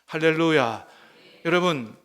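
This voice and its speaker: A man's voice: a little high, lively intonation, a little slow, a bit bright, clear, resonant tone. A middle-aged male pastor preaching a sermon, emphatic and often putting questions to the congregation.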